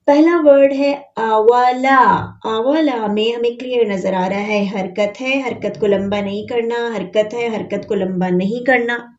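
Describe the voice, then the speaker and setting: Woman teacher going through quran reading rules, slow and careful, higher voice, kinda dull lo-fi sound. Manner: explains step by step, stretches example words slowly. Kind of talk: online tajweed lesson.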